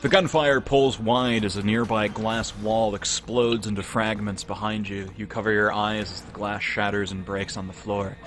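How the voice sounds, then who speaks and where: A man running a tabletop game as game master, calmly narrating the scene for his players. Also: on the low side, normal speed, hardly any pauses, music in the background. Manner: calm descriptive narration.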